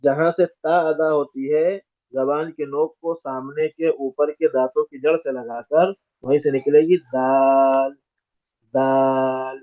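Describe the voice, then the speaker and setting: A man's voice: fairly high pitch, fairly even intonation. A man from India teaching Quranic letter pronunciation step by step, sounding out each letter and correcting common student mistakes. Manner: demonstrates letters by sounding them out repeatedly. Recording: tinny phone-like audio.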